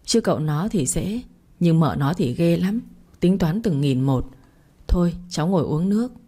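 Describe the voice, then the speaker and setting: A woman's voice: fairly low pitch, lively intonation, moderate pace, mellow. A woman voicing a talkative, kindly older female relative who confides family gossip. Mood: confiding.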